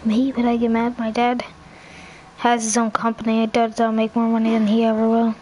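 A woman's voice: on the high side, monotone, brisk, dark tone, slight background noise, poor audio. A woman hosting a small channel, rambling in casual chat, swearing often and groping for words. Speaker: channel host. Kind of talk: casual chat while texting.

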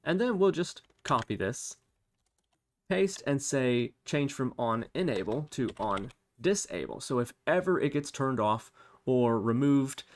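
Working through a task on screen, this male tutorial host narrates every step in an explanatory, think-aloud manner. His voice is mid-range, and the clatter of a computer keyboard and mouse clicks is plainly audible behind him.

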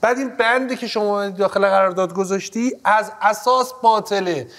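A man's voice: high-pitched, fairly bright tone. An actor playing a stern male judge in a courtroom TV drama, firm and lecturing, repeating his orders.

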